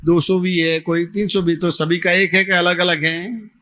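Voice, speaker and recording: A man's voice: high voice, fairly even intonation, measured pace, bright, forceful tone. A man leading a satsang question-and-answer session as a spiritual teacher, patient and repetitive, often checking that he is understood. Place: devotional gathering hall in Ahmedabad.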